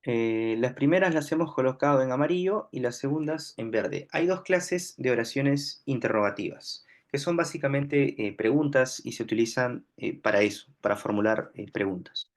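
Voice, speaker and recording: Patient Peruvian man teaching grammar. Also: medium pitch. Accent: Peruvian Spanish. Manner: patient, repeats examples, many "eh" fillers and tag "¿no?". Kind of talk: grammar lesson explaining on screen.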